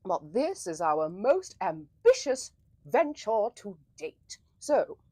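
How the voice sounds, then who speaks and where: A woman hosting an interactive story livestream in a theatrical, flowery old-fashioned manner, with a breathy voice. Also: a little high, very animated, slow, mellow, no echo.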